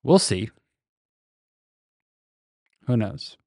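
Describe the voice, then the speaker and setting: A man's voice: mid-range voice, sing-song, extremely slow, vocal fry, darkish tone, dry recording. A man recording a casual, reflective solo podcast monologue very close to the microphone, speaking in a hesitant, introspective way. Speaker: podcast host.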